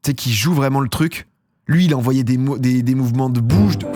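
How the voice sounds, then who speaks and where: A man's voice: mid-range voice, fairly quick, warm tone, faint music behind. A young man from France chatting casually on a live stream, rambling and slangy, often laughing at himself. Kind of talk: casual chat with chat viewers.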